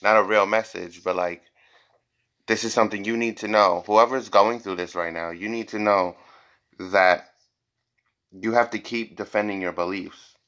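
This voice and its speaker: A man with a fairly low, steady voice that sounds pushed and bright talks at normal speed while reading tarot cards for viewers. He's the psychic reader running the session, and his unscripted style is blunt and emphatic, full of repeated phrases and the odd swear word.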